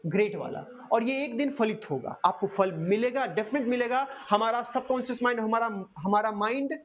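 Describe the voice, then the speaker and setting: A woman's voice: fairly high pitch, normal speed, a little hiss or hum. A woman giving a motivational lesson, putting questions to her listeners and answering them herself. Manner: calls listeners "dear my champion". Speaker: motivational coach.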